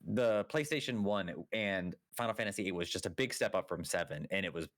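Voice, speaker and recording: Man, low voice, dry sound, rambling casual podcast chat, lots of fillers. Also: brisk, fairly bright tone, no room sound. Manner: rambling, filler-heavy, self-correcting. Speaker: podcast co-host.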